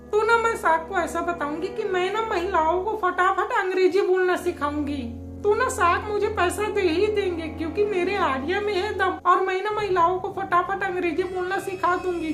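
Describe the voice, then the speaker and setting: A woman doing a very high, shrill mum with a sharp tongue, teasing and scolding as she goes. Her voice rings in a roomy space, with music playing behind. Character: sharp-tongued mocking wife and mother. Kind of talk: comedy sketch. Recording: roomy room with background music.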